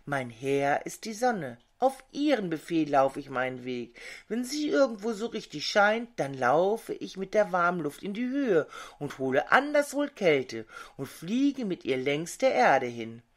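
A woman voicing a weary wind that serves the sun, in a calm, resigned way, slowly, in a fairy tale. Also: on the low side.

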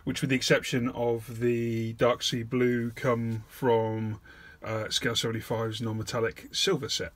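A man's voice: mid-range voice, flat delivery, unhurried, a bit bright. A man hosting a casual hands-on painting tutorial, thinking aloud in a self-deprecating way. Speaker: miniature painting video host. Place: indoor painting studio.

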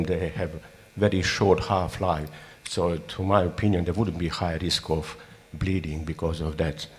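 A man with a very low, deep voice gives a direct opinion on a conference panel. He states his view plainly and does not hedge. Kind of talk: panel discussion.

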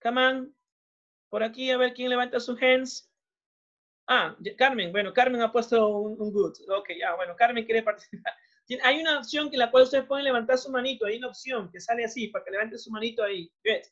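A woman's voice: on the high side, brisk, a bit bright. A woman with a Peruvian Spanish accent teaching English in an online class, mixing Spanish and English and repeating words of praise. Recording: muffled video call audio.

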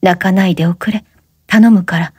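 A gentle young man, voiced by a woman reader speaks softly and earnestly, trying to reassure. The tone is mellow and unhurried, and the recording is close and dry. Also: on the low side, steady tone, breathy edge, no echo. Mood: soothing. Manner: soothing, hushed, reassuring.

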